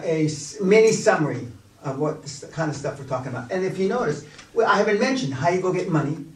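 A man in his sixties leading a business coaching seminar, blunt and profane, telling animated stories to a room. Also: high voice, far from the mic. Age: 60s. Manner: blunt, swearing, animated storyteller. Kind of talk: profane motivational seminar talk. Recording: echoey room heard from afar.

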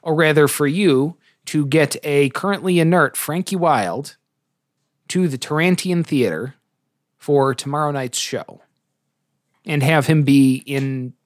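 A man's voice: fairly high pitch, measured pace, no echo, clean studio sound. A man narrating a tabletop game as podcast host and dungeon master, in a grandiose, joking, theatrical way.

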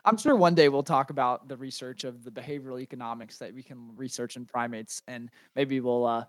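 A young man co-hosting a podcast, chatting casually and relaxed, with a self-deprecating streak. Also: medium pitch, fairly quick, no echo. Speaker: podcast co-host. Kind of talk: casual chat.

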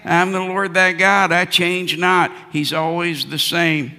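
A man delivers a fiery sermon in the manner of a wrathful prophet, admonishing his listeners. His voice is fairly high and sharp, with emphatic repeated phrases. It rings through a reverberant hall. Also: flat delivery, slow pace, vocal fry. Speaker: preacher. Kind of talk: Bible-exposition sermon. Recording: reverberant hall, long echo.

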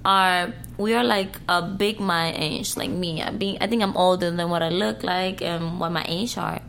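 A woman's voice: on the low side, steady tone, normal speed, gravelly, a bit bright, slight background noise. Giggly woman. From Cuba. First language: Spanish. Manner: giggly, talks in non-standard English grammar. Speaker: interview guest. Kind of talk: casual interview chat.

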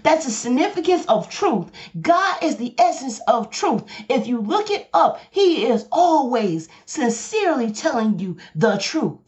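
A woman's voice: sits high, very animated, measured pace, few pauses, a little mellow. A woman preaching a sermon, firing emphatic rhetorical questions at her congregation.

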